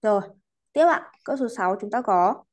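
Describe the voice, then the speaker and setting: With lively intonation, a medium pitch and a slightly fast delivery, a woman gives an online English lesson. She's polite and patient throughout, blending English words into her explanations and using courteous particles in most sentences.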